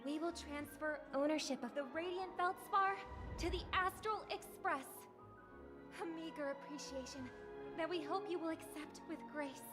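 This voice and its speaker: An actress with a high-sitting voice close to her everyday one, at a moderate pace, plays a gracious young woman giving a formal festival speech. She speaks in a poised, ceremonial way, with game music playing in the background.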